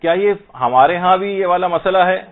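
A man giving an Islamic prayer lesson, patiently explaining and slowly reciting Arabic phrases to show how they should be pronounced. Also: high voice. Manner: slow, careful recitation of Arabic phrases to demonstrate pronunciation. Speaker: religious teacher. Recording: tinny phone-like audio.

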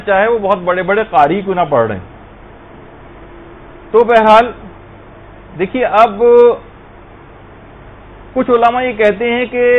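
A man's voice: sits high, narrow, tinny audio, slight background noise. A man giving a patient, step-by-step religious lesson with examples. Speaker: religious teacher.

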